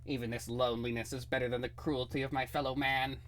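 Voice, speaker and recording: A man's voice: medium pitch, little pitch movement, fast talker, a bit bright, natural voice. A man playing a bitter, megalomaniac underground outcast villain with a grandiose, menacing delivery in a comic book reading.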